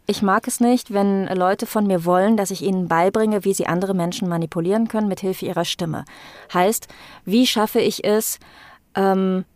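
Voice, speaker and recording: Woman, voice coach, podcast interview, explanatory, mid pitch, dry close sound. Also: darkish tone, no room sound. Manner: explanatory, thoughtful, with fillers.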